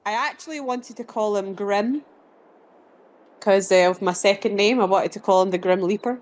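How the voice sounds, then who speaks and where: A woman's voice: mid-range voice, moderate pace, a little mellow, low-quality recording. A woman chatting casually while gaming, telling stories with fillers and restarts. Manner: chatty storyteller, hesitant with fillers. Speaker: co-player on a farming sim stream. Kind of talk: casual chat.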